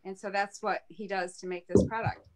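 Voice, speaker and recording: A woman's voice: mid-range voice, level tone, moderate pace, a crowd in the background. A woman co-presenting in casual chat over a video call, mostly chiming in with short agreements and questions.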